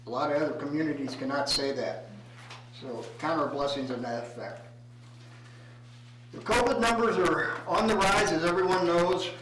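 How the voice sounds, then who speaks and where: An American man speaking as a mayor, giving a plainly spoken report at a formal meeting in a halting way, sometimes repeating words. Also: on the high side, fairly bright tone. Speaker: mayor chairing a city council meeting. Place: indoor city meeting room. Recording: echoey room, distant mic, faint hum.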